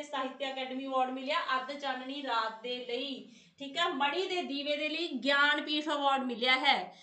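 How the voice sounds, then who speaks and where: High, bright-voiced Punjabi woman teacher, insistent. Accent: Indian Punjabi. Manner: insistent, repeats prompts and phrases; scolds and coaxes pupils familiarly. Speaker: online exam coaching teacher. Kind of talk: live quiz lesson with chatty asides. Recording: echoey room sound.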